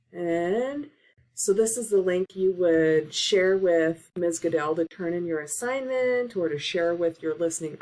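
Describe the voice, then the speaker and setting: A woman teacher-librarian giving a casual tutorial, talking through steps on her laptop with frequent fillers, recorded on the laptop microphone. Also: mid-range voice. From Oregon. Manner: casual, filler-heavy instruction. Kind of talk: screen-share tutorial.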